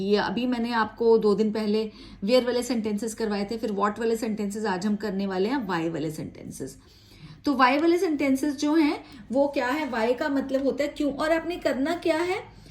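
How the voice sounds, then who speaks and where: High-voiced woman teaching spoken English. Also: darkish tone. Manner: slow, exaggerated English example sentences; encouraging, chatty.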